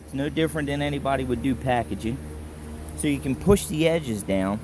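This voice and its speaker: A man with a Baltimore accent gives a casual, plain-spoken hands-on tutorial in halting, folksy phrases, talking to a handheld camera. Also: mid-range voice, background noise. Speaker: instructor in a do-it-yourself tutorial. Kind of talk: casual hands-on how-to explanation. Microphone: handheld camera held while demonstrating.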